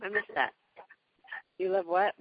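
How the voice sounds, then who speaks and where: A woman's voice: fairly low pitch, little pitch movement, measured pace, slightly rough, no room sound, lo-fi sound. Curious woman asking questions, dry sound. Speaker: workshop participant. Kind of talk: casual Q&A discussion.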